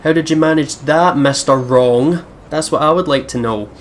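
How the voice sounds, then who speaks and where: A let's play host with a fairly high-pitched voice speaks at normal speed, slight background noise audible. Seated at his home computer setup with a desk mic, he delivers rambling, casual gaming commentary laced with slang and swearing, reading some text aloud along the way.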